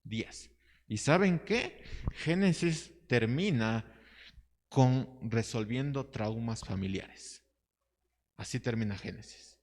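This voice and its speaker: A man's voice: medium pitch, slow. Man teaching Bible class in a hall. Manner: reads scripture aloud and asks the class questions. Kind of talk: Bible study sermon. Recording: hall reverb.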